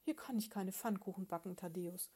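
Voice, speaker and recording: A woman's voice: mid-range voice, fairly quick, dark tone, slightly rough, close to an everyday voice. A woman reading aloud, voicing a patient, motherly female bear in a children's story, soothing her husband.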